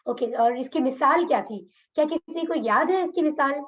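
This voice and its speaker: A woman's voice: high voice, moderate pace, a bit bright, muffled recording. A woman teaching a Quran class over a video call, explaining words patiently and asking her students questions. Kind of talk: online class lecture.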